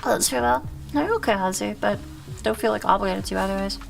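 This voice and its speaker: A woman hosting a casual livestream, chatting with viewers in a rambling, halting, slangy way with frequent self-interruptions and swearing. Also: mid-range voice, creaky, faint music behind. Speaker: livestream host.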